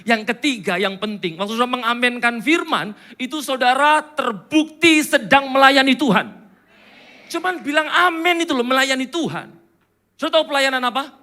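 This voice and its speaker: A pastor preaching in church, joking and chatting with the congregation between points. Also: male voice, very high voice, normal speed, bright, forceful tone. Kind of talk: sermon.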